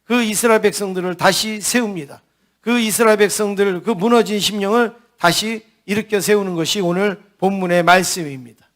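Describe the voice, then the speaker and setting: High-voiced Korean pastor preaching. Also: male voice, fairly quick. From South Korea. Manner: animated preaching, asks the congregation questions. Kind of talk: sermon.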